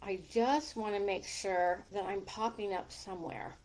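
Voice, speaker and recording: A woman's voice: mid-range voice, steady tone, unhurried, darkish tone. A middle-aged or older woman with a lisp and whistling s, chatting casually and informally to viewers as a coach hosting a livestream, with rambling asides. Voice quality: lisp with whistling, slushy s from a gap in her teeth.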